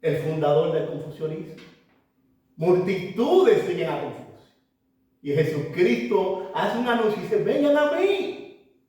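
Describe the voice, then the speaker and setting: A man's voice: a little high, animated, unhurried, darkish tone. A man preaching a sermon, emphatic and urging his listeners, often repeating phrases. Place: church. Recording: very echoey church hall, voice from far off.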